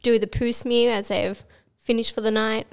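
A woman's voice: a little high, flat delivery, moderate pace, smooth. A woman co-hosting a casual chat, teasing and prompting her friend with frequent laughter.

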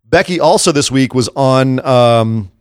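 A man co-hosting a podcast, talking in a casual, animated way about wrestling and laughing easily. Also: mid-range voice, unhurried, clear, resonant tone, no echo, studio quality. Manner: animated, excitable, breaks into laughs. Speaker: podcast co-host.

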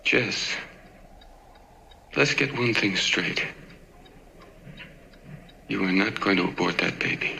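A man's voice: sits low, slow, creaky, long pauses, pushed and bright, slight background noise, heavily acted. An actor playing an angry, possessive young man who threatens his girlfriend in a 1970s film drama, speaking bitterly. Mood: threatening.

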